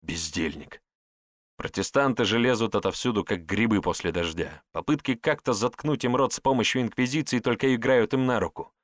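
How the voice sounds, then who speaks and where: A man's voice: on the low side, fairly quick, no echo, clean studio sound, natural voice. A man voicing a blunt, sardonic male hero who speaks in a mocking, scornful way. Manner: mocking, scornful, plain-spoken.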